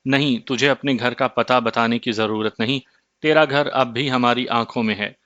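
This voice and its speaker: A man's voice: medium pitch, steady tone, pushed and bright, no echo, dull audio, close to an everyday voice. Give me a commanding old holy man from a horror storybook, as a man reads him, dry and close. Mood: solemn.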